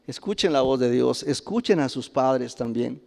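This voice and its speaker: This is a middle-aged pastor with a Mexican Spanish accent, preaching and sharing personal stories in a reverberant church sanctuary. His gravelly, mid-range voice keeps a normal speed, animated throughout, with frequent chuckles and bursts of loud exclamation.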